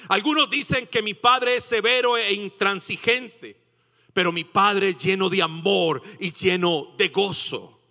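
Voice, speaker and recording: A male pastor preaching a sermon, swinging from loud sung exclamations to hushed asides and acting out quotes. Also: high-pitched, measured pace, gravelly. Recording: long hall reverb.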